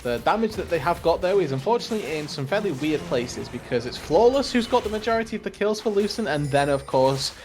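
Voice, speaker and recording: A man's voice: fairly high pitch, expressive, quick pace, hardly any pauses, soft background music. A man giving color commentary on an esports match, explaining tactics with a dry, teasing humor. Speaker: esports caster.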